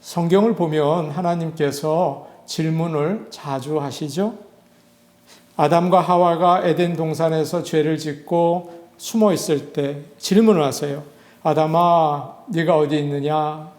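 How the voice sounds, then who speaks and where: A man's voice: on the high side, measured pace, a little mellow, echoey room. A male pastor giving a sermon in a conversational way, acting out the voices he quotes.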